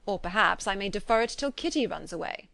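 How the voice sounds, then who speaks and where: A woman's voice: medium pitch, lively intonation, fairly quick, gravelly, a bit bright, dry recording. A woman reading a wry, teasing old father. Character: dry, teasing older gentleman father.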